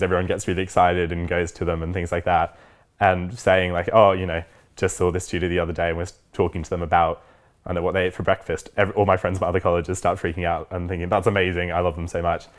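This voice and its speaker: A man's voice: sits low, flat delivery, fast. A young man, a university student telling stories about his course in a playful, enthusiastic interview. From Australia. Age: young adult. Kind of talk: casual interview testimony.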